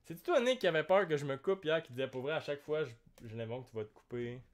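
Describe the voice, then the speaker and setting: A young man with a Québécois French accent, hosting a live card-break stream and joking with viewers in a slangy, excitable way. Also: a little high, fast talker. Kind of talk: live card-opening commentary.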